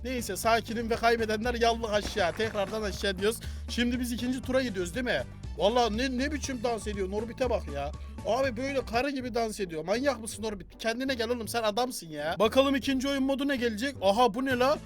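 A young man doing loud, joking gameplay commentary and talking back to the game characters as he plays. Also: extremely high pitch, quick pace, over music. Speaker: gaming YouTuber.

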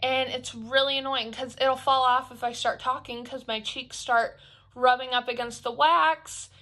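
Bright-voiced young woman talking through braces and expander. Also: high voice, steady tone, normal speed. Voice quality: slightly altered speech from the expander. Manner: chatty, rambling, with frequent "like" and "um". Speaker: vlogger. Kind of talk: casual chat to camera.

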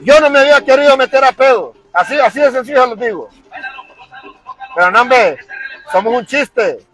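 A man's voice: very high voice, animated, moderate pace, fairly bright tone, faint music behind, poor audio. A man with a Honduran accent ranting as a football fan vlogger, fired-up and crude, repeating himself. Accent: Honduran Spanish. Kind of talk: angry fan rant to camera.

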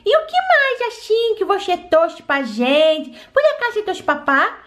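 A very high, squeaky baby-girl doll, as a Brazilian woman voices her, sassy and teasing in a homemade toy play video. She sounds jealous and cheeky, with a babyish Brazilian lilt. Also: sing-song, unhurried, a bit bright, full character voice. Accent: Brazilian Portuguese.

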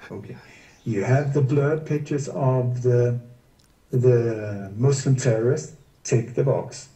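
A man's voice: mid-range voice, takes it slowly, mellow. A man talking as an interview guest in casual chat, fond of sarcastic rhetorical questions. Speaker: guest researcher. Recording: distant roomy mic.

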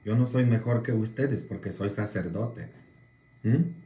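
Polish-born male priest, casual viewer talk, very slow, roomy echo, keeps tossing in "mm?" checks. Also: on the low side, warm tone. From Poland. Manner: slow, drawn-out delivery with frequent "mm?" tag questions.

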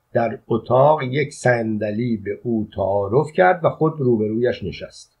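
A man narrating an audiobook in a measured, even storytelling manner. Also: mid-range voice. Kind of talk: audiobook reading. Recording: dull lo-fi audio.

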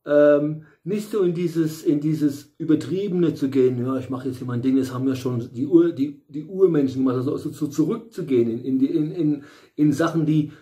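A man's voice: on the high side, normal speed, dark tone. A middle-aged man giving a casual tarot reading at home, rambling with many fillers and restarts and the odd blunt aside. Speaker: tarot reader. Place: small room at home, in front of a bright window.

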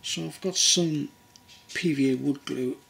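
A middle-aged English man giving a relaxed modelling tutorial at his workbench, thinking aloud with many pauses and ums. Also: a little high, vocal fry, breathy edge. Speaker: model railway builder. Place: workbench at home.

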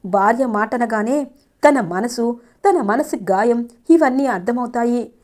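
A woman voicing a gentle young husband and poet, speaking with wounded, pleading questions. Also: fairly high pitch, measured pace, lightly acted. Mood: heartbroken.

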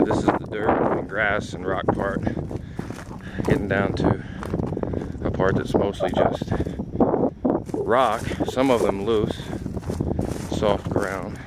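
A middle-aged man with a somewhat low voice talks to his camera as he hikes across a mountain top. His chat is relaxed and rambling. Strong wind roars across the camera mic outdoors. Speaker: hiker filming himself. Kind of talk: casual spoken hiking commentary. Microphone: handheld camera mic.

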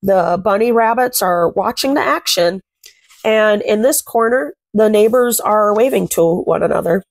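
Her mid-range voice is creaky and unhurried, recorded with no echo. A young woman children's read-aloud host, she reads a picture book expressively to small children from a small room at home, in a sing-song style with chat mixed in.

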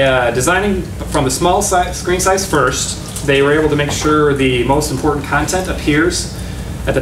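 At a meetup, a man with a medium-pitched voice presents slides in a meeting room with a projection screen, speaking casually, correcting himself, and showing real enthusiasm for design. A distant camera picked up the sound, leaving it noisy and full of room echo.

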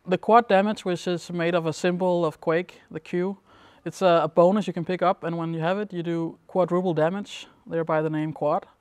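A young man from Denmark talks through interview answers at an easy, wandering pace, full of little fillers. His voice is smooth and clear, a bit high for a man, and flat in its melody. The sound is dry and close. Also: fairly quick, few pauses, no room sound. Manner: relaxed, rambling with many fillers. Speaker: interviewee, competitive gamer. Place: dim indoor room at a gaming event.

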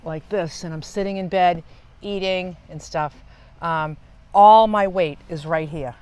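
Speaking at a fairly low pitch and an unhurried pace, this senior woman has a darkish tone as she chats through a how-to tour while working with her hands. She's a vlogger standing outside at a camper van's open side door. Her clip-on lavalier mic catches a little background noise.

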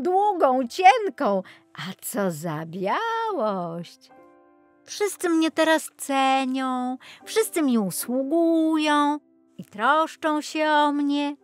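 A woman voicing a proud, boastful piece of linen in an audiobook fairy tale, self-admiring and exclaiming. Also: full character voice. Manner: exclaiming, self-admiring, lively rises in pitch. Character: proud, boastful piece of linen, once a small flax plant. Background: faint music.

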